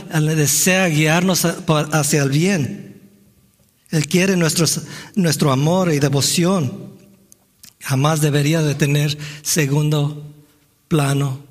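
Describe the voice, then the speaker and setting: A man preaching a sermon in a church, earnest and reflective, often restarting phrases and asking "¿no?". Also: fairly high pitch. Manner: earnest, with frequent restarts and rhetorical "¿no?". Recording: long hall reverb.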